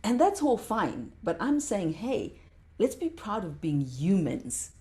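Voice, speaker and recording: A woman's voice: mid-range voice, sing-song, takes it slowly, a little mellow. A middle-aged woman, a meditation teacher, talking with passion as a podcast guest and repeating words for emphasis. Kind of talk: casual interview talk.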